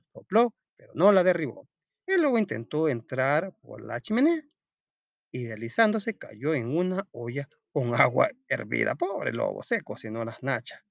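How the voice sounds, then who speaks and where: With a Salvadoran accent and a voice on the high side, a man teaches an informal school lesson, reading aloud and explaining in a chatty, colloquial way while asking himself questions and answering them. The recording is lo-fi with no echo.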